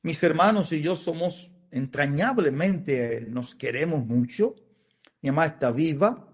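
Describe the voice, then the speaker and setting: Earnest Dominican priest, slightly high voice. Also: male voice, animated, measured pace, husky. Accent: Dominican Spanish. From Dominican Republic. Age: middle-aged. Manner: earnest, emotional storytelling with repetitions. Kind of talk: interview testimony.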